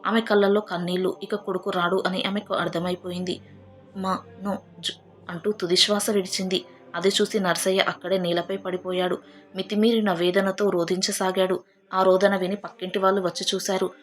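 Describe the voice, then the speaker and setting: A woman reading a family moral story aloud in a steady, earnest narrating voice. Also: lowish voice, brisk. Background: faint music.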